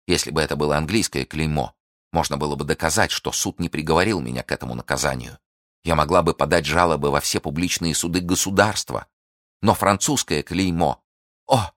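A man's voice: extremely low pitch, a little fast, a bit bright, no echo, clean studio sound. A man reading an audiobook, voicing a scheming young noblewoman in a pleading, theatrical manner. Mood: anguished. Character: scheming noble young woman, proud and wounded.

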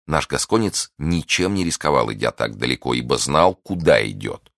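A man narrating a classic novel as an audiobook in an expressive storytelling manner. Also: rumbling low, normal speed, no echo, studio quality.

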